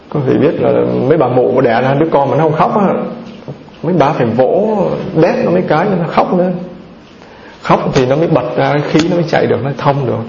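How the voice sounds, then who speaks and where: A man's voice: medium pitch, gravelly, a little mellow. A man, a Buddhist monk, giving a dharma talk, lists terms one by one and asks his listeners questions that he answers himself. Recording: roomy, dull, slightly noisy recording.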